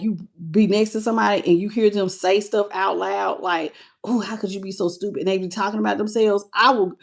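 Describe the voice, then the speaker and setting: A woman's voice: mid-range voice, creaky. A woman reading tarot cards on a live stream, talking casually and bluntly, teasing and greeting her viewers by name. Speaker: tarot reader.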